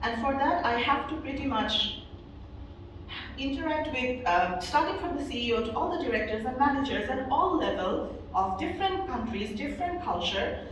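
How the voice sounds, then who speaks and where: A woman from Bangladesh gives a motivational speech as a guest speaker in an event hall, telling stories earnestly and filling pauses with frequent "you know"s. Her voice sits high and sounds animated at a normal pace, with a little hiss or hum, and it's picked up from a distance in an echoey hall.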